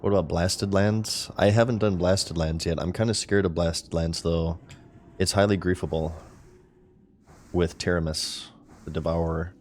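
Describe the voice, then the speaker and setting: Guy streaming an online game, really low voice, chatting to chat, bit of hiss behind. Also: steady tone, measured pace. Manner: chatty, talks to chat while playing. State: hiccuping. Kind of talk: casual gameplay commentary.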